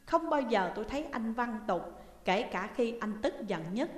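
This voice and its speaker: A woman calmly narrating a first-person memoir as an audiobook reader. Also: on the high side, normal speed. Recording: echoey reverberant room.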